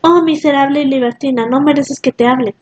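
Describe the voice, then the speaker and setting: A woman's voice: high-pitched, steady tone, fairly quick, a little mellow, natural voice. A woman reading as a vengeful king. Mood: scolding. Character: vengeful king feigning a weak voice.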